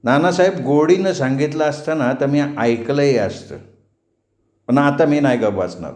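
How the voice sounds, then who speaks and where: A man's voice: mid-range voice, normal speed, a little mellow, close to an everyday voice. A man voicing a proud, defiant young village man who speaks with intensity, in a roomy recording. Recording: roomy echo.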